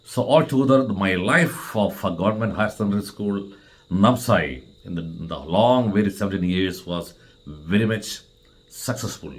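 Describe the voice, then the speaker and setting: A middle-aged man with an Indian accent and a deep, low voice delivers a formal farewell address. He speaks earnestly as a vice principal, setting out deliberate phrases and repeating words for emphasis. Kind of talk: farewell speech.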